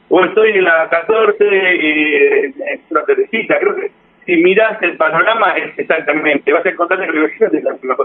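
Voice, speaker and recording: A man with an Argentine Spanish accent chats casually as a guest, rambling and starting his sentences over. His voice is a little high with a breathy edge, heard through phone-quality sound.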